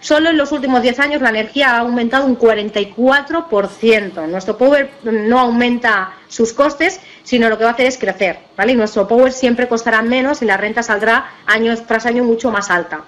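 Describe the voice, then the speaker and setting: A woman from giving a persuasive sales pitch over a slideshow, with many fillers, restarts and rhetorical questions. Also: brisk, few pauses, poor audio. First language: Italian. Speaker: network marketing presenter.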